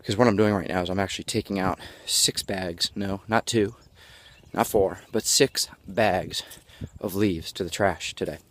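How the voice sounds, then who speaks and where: A man with a low voice gives a halftime pep speech like a locker-room coach. He sounds winded from walking and carrying on, and he keeps it folksy and jokey as he motivates his listeners. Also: steady tone, normal speed, fairly bright tone. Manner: breathless from exertion while walking; folksy, jokey self-narration in the third person.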